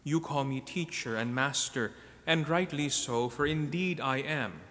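A man who is a priest, reading the Gospel and preaching in a measured, solemn way, his voice carrying a cathedral echo through a large church. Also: mid-range voice, fairly bright tone. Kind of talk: liturgical reading and homily. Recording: long church reverb in a large hall.

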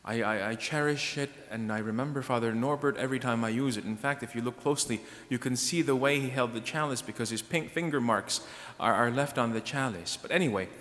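Priest preaching in a cathedral echo. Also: male voice, medium pitch, brisk, few pauses, a bit bright. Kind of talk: sermon and scripture reading at Mass. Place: large church, indoors. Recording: cathedral-like echo, long church reverb.

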